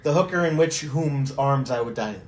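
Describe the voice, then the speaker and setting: A man's voice: medium pitch, expressive, fairly quick, heavy background noise. A man co-hosting a casual chat, blunt and argumentative, given to crude joking.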